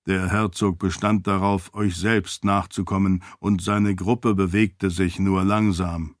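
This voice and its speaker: A man's voice: deep voice, little pitch movement, a little slow, no room sound, clean studio sound. A man voicing a loyal, polite spirit servant who speaks formally in an audiobook. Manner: formal, courteous.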